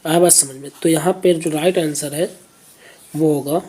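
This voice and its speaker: A woman teacher works through reasoning questions step by step, repeating each answer patiently. Her voice sits a little low and dark, with a breathy, husky edge. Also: steady tone, moderate pace. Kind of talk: explaining exam questions step by step.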